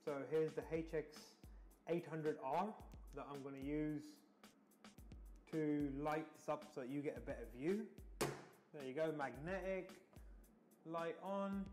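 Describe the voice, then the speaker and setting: A man's voice: on the high side, a little slow, pauses often, a little mellow, faint music behind. Casual man narrating his plumbing work. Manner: casual, talks to camera while working. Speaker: heating engineer. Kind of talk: work vlog tutorial. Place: indoors in a home utility room.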